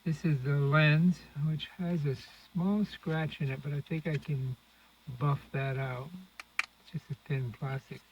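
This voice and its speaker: Unhurried and fairly even in intonation, a man with a fairly high voice talks his way through a hands-on repair, murmuring each step off the cuff. He runs a radio restoration channel, and the audio is dull and lo-fi with loud noise and clicks.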